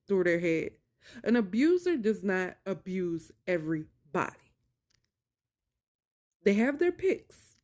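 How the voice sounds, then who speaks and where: A video creator talks casually to viewers about narcissistic abuse, telling a personal story in colloquial phrasing. Her mid-range voice is a little mellow, and she is emphatic, repeating phrases for stress.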